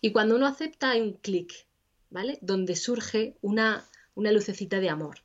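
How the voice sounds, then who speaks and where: Animated woman explaining grief. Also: medium pitch, moderate pace, dull audio. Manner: animated, acts out quoted inner voices. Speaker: interview guest, grief specialist. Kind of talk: conversational explanation.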